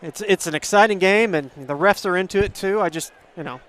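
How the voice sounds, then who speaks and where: A man giving color commentary on a high school football game from a stadium press box, chatty and agreeable. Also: a bit bright. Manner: chatty, agreeable, quick to laugh.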